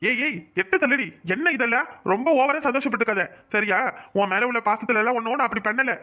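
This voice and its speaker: A man's voice: very high voice, quick pace, bright, forceful tone. A man doing a brusque young husband. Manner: brusque and scolding. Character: gruff young village husband. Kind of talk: cartoon voice acting.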